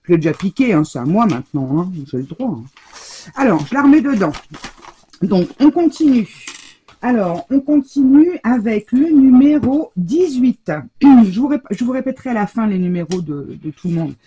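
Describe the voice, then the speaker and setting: A woman who hosts a craft channel chats casually while opening her mail at home, gushing over each card amid lots of little fillers. Her mellow voice sits on the high side with big pitch swings and a moderate pace. An overhead table camera picks her up in a home craft room with the shutter half closed, and the sound is lo-fi with a little hiss or hum.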